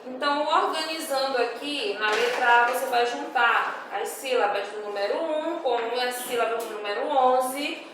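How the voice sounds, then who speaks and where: A woman, a primary school teacher going over homework answers with young children, patient and drawing her words out clearly. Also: high-pitched. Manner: slow, patient, reads words out syllable by syllable for young pupils. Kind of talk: recorded homework correction for children. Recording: very echoey room, voice far from the mic, faint noise.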